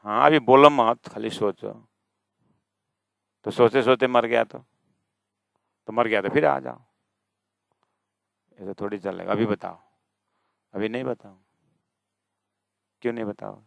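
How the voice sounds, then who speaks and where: In a gravelly, medium-pitched voice with no room sound, a male spiritual teacher works through scripture verse by verse. He reads each one in a slow, drawn-out way and argues back against students he imagines.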